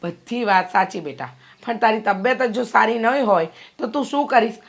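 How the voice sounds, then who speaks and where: A woman's voice: fairly high pitch, moderate pace. A middle-aged woman playing a worried mother who scolds and fusses over her daughter in a short film drama. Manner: fretful, nagging, complaining.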